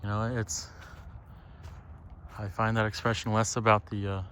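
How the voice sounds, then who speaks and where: His voice is on the low side and slightly bright, with a flat delivery at normal speed. The solo podcaster muses aloud in a casual, rambling, reflective way, swearing freely and tagging phrases with "right?". Birds and outdoor ambient noise come through from the lakeside trail where he's recording.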